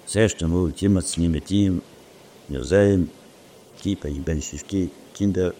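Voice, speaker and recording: A man telling a personal story in a halting, rambling way, often restarting and repeating phrases. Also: deep voice, dark tone, slight background noise.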